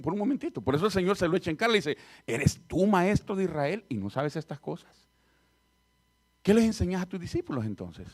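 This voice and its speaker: Animated pastor preaching, dramatic swings. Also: male voice. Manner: swings from loud emphatic repetition to low quiet asides. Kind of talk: sermon. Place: church sanctuary.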